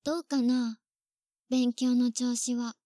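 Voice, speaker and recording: A woman's voice: on the high side, level tone, takes it slowly, mellow, dry recording, clean studio sound. A woman voicing a clingy, possessive younger sister on a phone call, sweet at first and coldly jealous underneath. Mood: menacing. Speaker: voice actress in phone-call role-play. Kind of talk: phone-call role-play drama.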